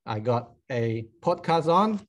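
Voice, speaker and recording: A man's voice: mid-range voice, lively intonation, takes it slowly. Man with a Malaysian accent, informal speaker. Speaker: conference guest speaker. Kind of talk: informal motivational business speech.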